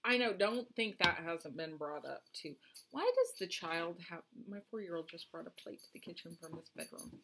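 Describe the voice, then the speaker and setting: A woman's voice: on the low side, very animated, moderate pace, heavy background noise. A woman in her forties co-hosting a casual podcast with her son, talking in dry, teasing banter. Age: 40s. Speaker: podcast co-host, mother. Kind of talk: casual chat.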